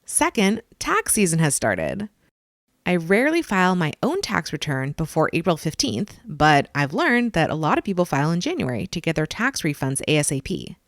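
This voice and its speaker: Female podcast host, lowish voice, crisp upbeat delivery, dry close mic. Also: big pitch swings, normal speed, no echo. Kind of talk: scripted podcast intro and interview.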